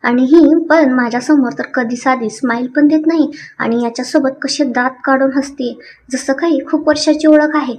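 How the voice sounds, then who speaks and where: A woman's voice: high-pitched, fairly even intonation, normal speed, slight background noise, close to an everyday voice. A woman voicing a jealous, possessive young husband who snaps his words. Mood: jealous muttering. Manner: snapping, sharp.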